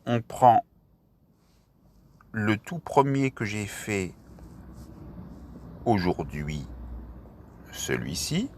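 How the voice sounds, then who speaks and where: A man's voice: lowish voice, very animated, extremely slow, long pauses, a little mellow, slight background noise. A man presenting an app, narrating a step-by-step screen tutorial.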